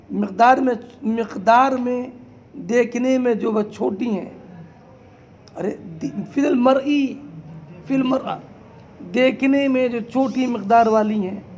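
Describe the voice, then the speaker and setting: Guy teaching a class, pretty high voice, slow and careful, keeps firing questions at the students. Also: darkish tone, slight background noise. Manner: quizzes students with repeated questions; addresses listeners as "beta". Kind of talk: classroom lecture.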